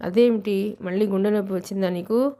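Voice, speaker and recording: A woman's voice: medium pitch, fairly even intonation, brisk, warm tone, close to an everyday voice. A woman voicing a proud young secretary in an audiobook novel. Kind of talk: audiobook narration.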